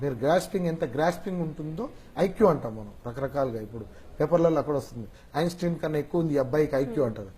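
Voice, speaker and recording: A male mimicry artist explaining his craft in a casual interview, with an animated, explanatory manner. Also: medium pitch, a little hiss or hum.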